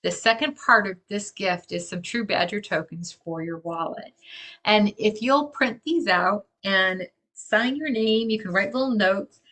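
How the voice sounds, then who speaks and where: A woman's voice: mid-range voice, pushed and bright. A woman enthusiastically explaining a crypto gift card in casual talk on a video call, gushing as she goes. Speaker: crypto community organizer.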